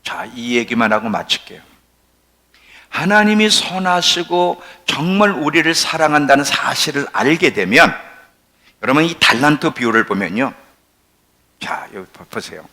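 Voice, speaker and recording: Older guy in his 60s preaching, bright lively voice, gets loud then drops way down. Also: normal speed. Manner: emphatic, rising to near-shouts then dropping low. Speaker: pastor. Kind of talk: sermon.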